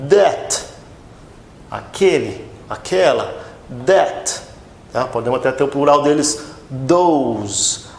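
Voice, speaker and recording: A man from Brazil teaching English pronunciation, repeating each word slowly and checking in with his students after every few words. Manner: slow, repeats words for drilling, frequent "tá?" and "ok?" checks. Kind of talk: pronunciation lesson. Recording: echoey room with faint rumble.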